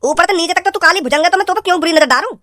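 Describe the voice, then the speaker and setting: A rude young village lad in a cartoon, voiced by a woman, who fires off blunt, sneering jabs at a breakneck clip. His voice sits high for a man, and he speaks in rough country speech that drips with scorn. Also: rapid-fire, sharp tone, no echo, clean studio sound. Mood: mocking. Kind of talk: Hindi cartoon comedy voice acting.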